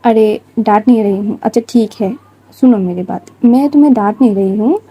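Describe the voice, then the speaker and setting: A woman's voice: a little high, fairly quick, warm tone, slightly rough, low-quality recording. A woman voicing a caring but bossy young woman who scolds and fusses over someone in a story. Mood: soothing. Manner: scolding, fussing, insistent.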